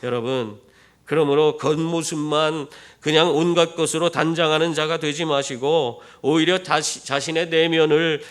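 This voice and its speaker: A man's voice: a little high, normal speed. A man preaching a sermon as pastor, telling stories with rhetorical questions to the congregation. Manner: animated storytelling with rhetorical questions. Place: church.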